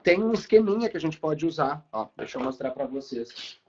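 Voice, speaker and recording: A man's voice: on the high side, sing-song, a little fast, warm tone, lo-fi sound, slight background noise. A young adult man, teaching a live online class in a casual, chatty way with light swearing. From Brazil.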